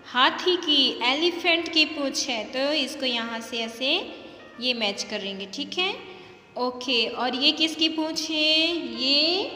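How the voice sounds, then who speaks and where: A woman's voice: high-pitched, pushed and bright. A woman teaching a kindergarten Hindi lesson, patiently spelling out words sound by sound and often checking "ठीक है" with the children. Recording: echoey room with faint music.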